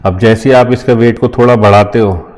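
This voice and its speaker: Man, Indian accent, coding tutorial, warm dark voice, casual chatty delivery, friendly filler check-ins. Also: lowish voice, steady tone, fairly quick. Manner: informal, addresses viewers as friends, frequent "theek hai" fillers. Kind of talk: screen-recorded coding lesson.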